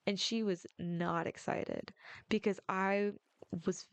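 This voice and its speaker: A woman's voice: medium pitch, fairly even intonation, takes it slowly, creaky, no room sound. A young adult woman, a film student, chatting casually and rambling with lots of "like" fillers while playing a game. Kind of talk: casual gameplay chat.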